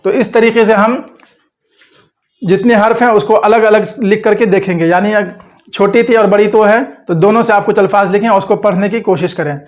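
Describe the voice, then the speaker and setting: Patient high-voiced man teaching Urdu. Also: steady tone. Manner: patient, repeats words slowly and asks the viewer questions. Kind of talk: step-by-step language lesson.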